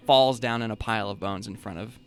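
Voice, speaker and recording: A man's voice: on the low side, a little fast, smooth. A man narrating as game master at a tabletop game, rambling casually with lots of filler words and cheering his players on.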